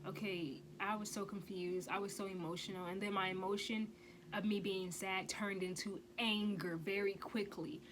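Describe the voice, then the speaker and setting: A woman recounting a personal story in a casual storytime vlog, speaking at a middle pitch. Her delivery is emphatic and blunt, and she swears freely. She keeps pressing her points home with a rhetorical "okay?", with a faint hiss behind her. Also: fairly even intonation, moderate pace. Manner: emphatic, repeats "okay?" for stress. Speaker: vlogger.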